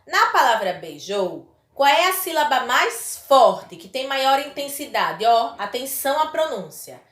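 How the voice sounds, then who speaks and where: A woman teaching a recorded lesson to young children, drawing out words slowly and stressing syllables carefully, with a Brazilian Portuguese accent. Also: high voice, very animated, a bit bright, roomy sound. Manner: slow, exaggerated pronunciation of syllables for young pupils. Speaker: primary school teacher.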